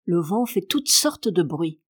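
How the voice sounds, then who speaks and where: For an audiobook, a woman reads the lines of a stubborn, chatty young housemaid from a storybook in a plain, matter-of-fact telling voice. Her lowish voice is very animated, a little slow, slightly rough, and full of character.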